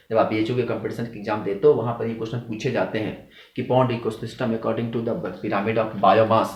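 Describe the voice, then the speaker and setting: A man teaching a lecture, who asks his students questions and answers them himself, with sharp rises and drops in pitch to stress his points. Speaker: zoology teacher. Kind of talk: classroom lecture. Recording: echoey room.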